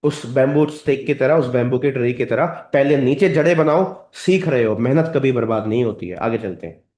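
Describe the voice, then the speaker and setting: A man's voice: medium pitch, moderate pace, darkish tone. Man giving a rousing training talk. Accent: Indian. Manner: direct, lecturing, addresses audience as sir and madam. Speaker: motivational trainer. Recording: roomy echoey hall.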